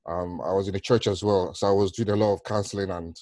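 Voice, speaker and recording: A middle-aged Nigerian-accented man, a counsellor appearing as an interview guest, answers questions conversationally and often rephrases himself. His voice is low, dark-toned, fairly even and fast, captured with studio quality and no echo via headset on a video call from a small room at home.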